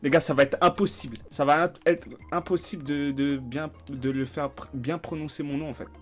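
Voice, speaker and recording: A man's voice: on the high side, fairly even intonation, brisk, soft background music. A young man streaming a game, chatting casually in slang and swearing freely. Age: young adult. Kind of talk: casual let's-play commentary.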